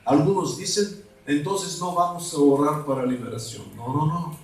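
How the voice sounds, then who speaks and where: A man preaching a deliverance sermon as an evangelist, speaking in a slow, halting way and sometimes asking the congregation for a word. His is not the one he preaches in. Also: on the high side. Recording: echoey hall, mic at a distance.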